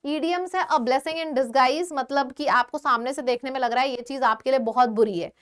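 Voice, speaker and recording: A woman with an Indian accent teaching an exam-prep vocabulary lesson, explaining slowly, repeating words and quizzing her viewers. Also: high voice, fairly bright tone, smooth.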